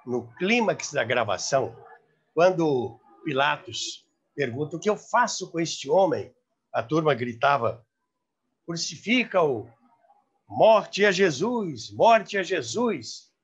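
A Brazilian-accented man in his seventies, a host and storyteller, tells animated anecdotes to camera in a theatrical, emphatic style. His fairly high voice swings widely in pitch, moves slowly, and has a breathy edge. A clip-on lapel mic gives a muffled recording.

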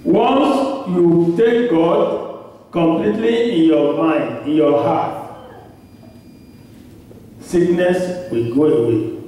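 A man in his thirties with a Nigerian accent preaches slowly and emphatically into a handheld mic at a church hall pulpit, leaving long pauses, his voice warm and on the high side. He is recorded from far off, and the hall sounds echoey.

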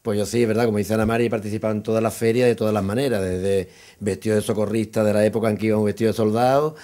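Lowish-voiced modest Andalusian man. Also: steady tone, very fast, mellow. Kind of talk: informal press conference remarks. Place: indoor press room. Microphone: table microphone.

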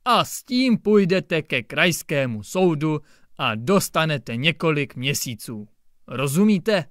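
A man's voice: fairly high pitch, very animated, fairly bright tone, dry recording, studio quality. A man doing a barking irritable judge. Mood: scolding. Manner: barking, scolding outbursts. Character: irritable blustering male district judge, middle-aged.

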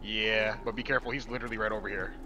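A man's voice: fairly low pitch, steady tone, racing, noisy background. A man chatting casually during co-op gameplay, nervous and calling things out to teammates. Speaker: gamer.

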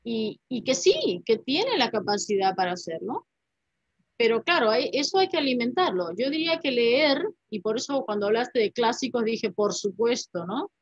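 With a fairly high pitch and a very animated delivery at a moderate pace, a guest poet and writer in her fifties shares reflective thoughts, many of them closed off with "¿no?" Her first language is Spanish, and she joins the video call from a room at home with paintings on display. Her laptop webcam mic gives dull, dry audio with no room sound.

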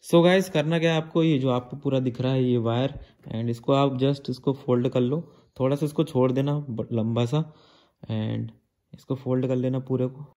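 A mellow, mid-range voice with a steady tone and a moderate pace belongs to this man in his 20s, a vlogger doing an informal product review and tutorial from his bedroom. He speaks to viewers like friends, calling them "guys" and "bhai."

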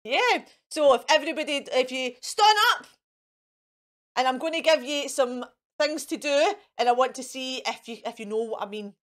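Standing indoors before a fairy backdrop, a high-pitched Scottish woman in her thirties speaks at a moderate pace. She hosts playfully for children as a fairy, with a sing-song, exaggerated manner that coaxes and encourages.

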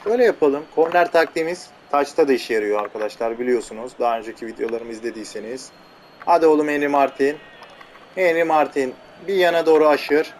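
A man's voice: on the high side, fast. A man giving casual, teasing commentary over his own football video game match, grumbling and joking at his players. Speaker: gameplay commentator. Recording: game crowd audio loud underneath. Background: loud game crowd noise.

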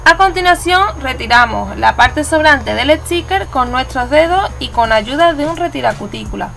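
Hosting a nail art channel, a woman from Spain with a Spanish accent walks viewers through a tutorial, chatty and instructive, sometimes correcting herself. Her high voice has a gravelly edge and lively intonation, at normal speed, over soft, faint music.

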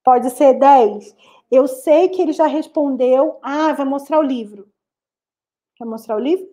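Brazilian woman guest lecturer, high warm voice, earnest teacher talking to students on a video call. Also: a little slow. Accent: Brazilian Portuguese. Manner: earnest, explanatory, addresses students directly. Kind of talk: live online class lecture.

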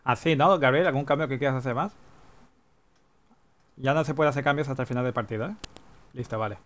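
A man's voice: medium pitch, fairly bright tone, poor audio. A man streaming live play-by-play commentary on a football video game, rattling off player names and breaking into long goal cries. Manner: rapid name-calling, bursts into drawn-out goal cries.

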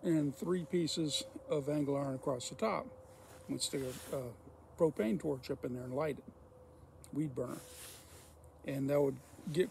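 A man's voice: fairly high pitch, gravelly, darkish tone, a little hiss or hum. A man telling a folksy, rambling work story in casual speech while smoking a pipe. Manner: folksy, rambling, repeats himself. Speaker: storyteller, former welder.

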